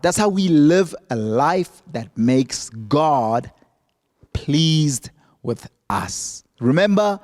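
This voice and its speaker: A man's voice: fairly high pitch, a little mellow, big-room sound. A man telling a Bible lesson to children in simple, emphatic words, repeating key phrases.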